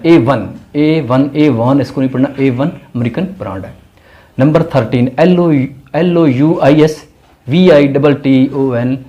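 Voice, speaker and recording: A man's voice: medium pitch, warm tone, dull audio. Man teaching pronunciation in a roomy space. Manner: spells words letter by letter, then repeats them slowly. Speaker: language teacher and channel host. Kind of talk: pronunciation lesson. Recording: roomy sound from away from the mic, faint noise.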